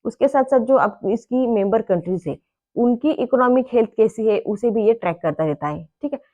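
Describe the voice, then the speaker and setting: A woman's voice: on the high side, lively intonation, a little fast, narrow, tinny audio. A woman explaining an exam-prep lesson in a conversational way, often asking her students if they follow. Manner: conversational, asks checking questions.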